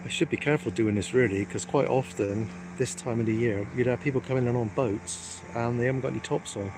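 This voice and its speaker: Gravelly-voiced man chatting cheekily. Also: mid-range voice, brisk, background noise. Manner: cheeky, joking, self-mocking. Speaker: live-stream host. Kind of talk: casual live-stream chat. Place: outdoors by the water. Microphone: phone held in hand.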